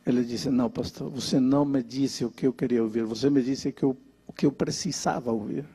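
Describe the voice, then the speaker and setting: A man's voice: mid-range voice, steady tone, brisk, warm tone, husky, voice pushed down. A man voicing a bedridden young man who is bitter, then humbled, and whose voice rises in anger. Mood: humble, earnest.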